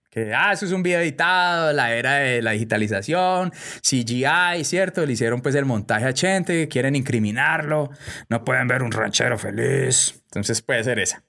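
A young Colombian man hosts a loose commentary show in an easy, conversational way. His voice sits at an ordinary middle pitch. He keeps checking in with his listeners as he talks. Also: fairly bright tone. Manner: chatty, peppers speech with "pues" and "¿cierto?". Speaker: host. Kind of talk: casual commentary monologue.

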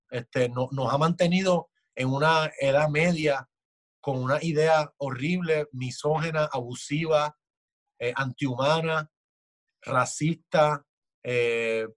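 Man, fairly high voice, heated casual talk with frequent swearing. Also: steady tone, measured pace. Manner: passionate, swears often, acts out quoted voices. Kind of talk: casual chat.

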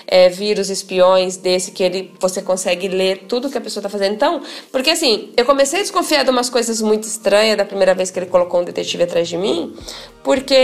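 Woman guest in an interview, creaky gravelly voice, retells old conversations fast with lots of restarts, faint music under it. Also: mid-range voice. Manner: animated, many restarts and quoted dialogue. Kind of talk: casual interview storytelling.

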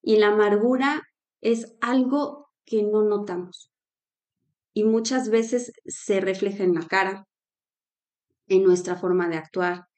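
A woman co-hosting a casual faith-based talk show, telling stories and laughing often. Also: medium pitch. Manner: storytelling, laughs often, animated quotes. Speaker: co-host.

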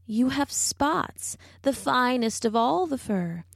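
A woman voicing a wicked male vulture who whispers slow, wheedling flattery in a storybook tale. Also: sits high, vocal fry, husky, no echo, studio quality, voice pushed up, exaggerated voice. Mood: sly flattering.

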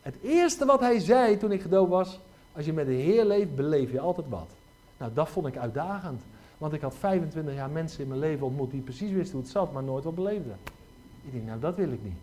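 A middle-aged man preaching a lively sermon, often asking his listeners rhetorical questions. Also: on the high side, fairly quick. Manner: animated, frequent rhetorical questions.

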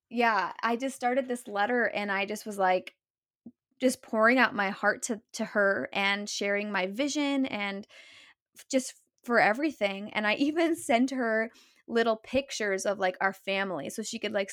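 A woman's voice: mid-range voice, dry recording, clean studio sound. Chatty young woman telling her story. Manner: animated retelling with many likes and quoted voices. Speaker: podcast guest. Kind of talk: storytelling in casual conversation.

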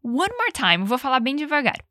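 Bright-voiced woman teaching English. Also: high voice, big pitch swings, dry recording, studio quality. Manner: speaks English examples slowly and clearly. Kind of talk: language lesson with repetition drills.

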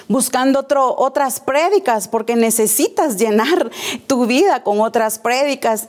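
A woman's voice: on the high side, darkish tone. A woman preaching a sermon to her congregation, speaking emphatically, repeating key phrases and asking rhetorical questions.

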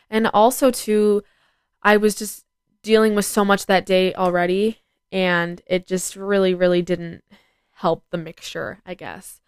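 A woman's voice: mid-range voice, smooth, no echo. A teenage girl hosting her own podcast, talking casually and earnestly with lots of fillers. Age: teens. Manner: earnest, rambling, many fillers. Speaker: podcast host. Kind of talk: casual personal chat.

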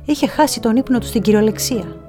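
A woman narrates a children's pirate story with lively expression. She often drops into a hushed whisper for the tense moments, and soft music plays faintly underneath. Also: on the high side.

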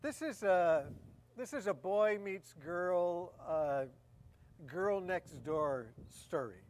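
A woman's voice: on the low side, expressive, slow, darkish tone. A woman preaching a sermon in a conversational way, often repeating key phrases for emphasis.

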